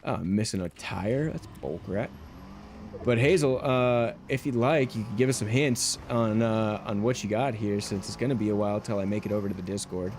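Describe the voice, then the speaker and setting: A man's voice: fairly low pitch, moderate pace, a little mellow, slight background noise. A man livestreaming, chatting casually with viewers while gaming, laid-back and rambling with lots of fillers, heard through a livestream headset mic. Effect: livestream headset mic audio. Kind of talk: casual gameplay chat with viewers.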